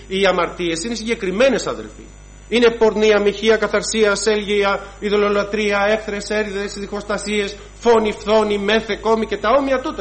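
A man's voice: sits high, rough recording. A man preaching a sermon to his congregation, emphatic and rhythmic, listing sins one after another and calling the listeners brothers.

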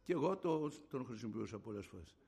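A middle-aged man preaching a sermon and giving a personal testimony, swinging between loud outbursts and hushed low passages. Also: animated, vocal fry, slightly rough.

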